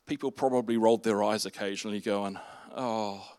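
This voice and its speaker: Halting New preacher, dry sound. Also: male voice, medium pitch, no room sound. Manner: conversational, halting with restarts and fillers. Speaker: pastor. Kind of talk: sermon.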